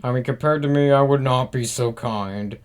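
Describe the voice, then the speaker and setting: Male YouTube reader, casual Reddit commentary, ordinary middle pitch, loose rambling delivery. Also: moderate pace. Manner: rambling, repeats himself.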